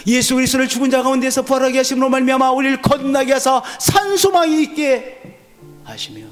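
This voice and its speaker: 60s pastor guy preaching, voice way up high, swings loud then drops to a hush. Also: big pitch swings, fast, faint music behind. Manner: swings from loud urgent peaks to low hushed endings; asks the congregation questions and answers them. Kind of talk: sermon.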